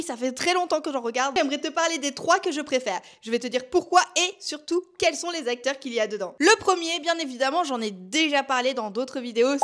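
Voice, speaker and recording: A woman's voice: sits high, fairly bright tone. A young woman vlogger in casual chat, talking straight to her viewer. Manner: chatty, speaks directly to the viewer.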